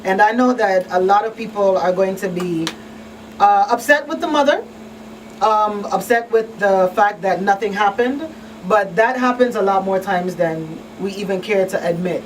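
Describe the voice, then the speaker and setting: Her voice is medium-pitched and moderately paced as this radio host, also a crisis counselor, talks conversationally and with emphasis, hammering her points home by repeating phrases. She records in a noisy radio studio, with the mic set slightly far away.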